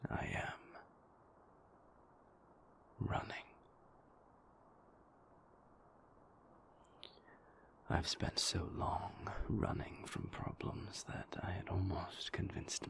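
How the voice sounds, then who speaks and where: A male actor performs in full character voice, whispering in a monotone as a remorseful vampire boyfriend in intimate roleplay audio. Formal and guarded, he speaks haltingly and carefully in a low, gravelly, breathy voice that sounds vulnerable and regretful.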